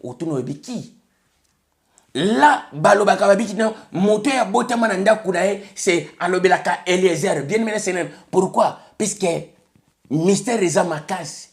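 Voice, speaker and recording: Emphatic sermon from a Congolese preacher whose voice sits high and moves at a moderate pace. With a Congolese French accent, he switches between French and Lingala and keeps repeating "bien aimé le Seigneur."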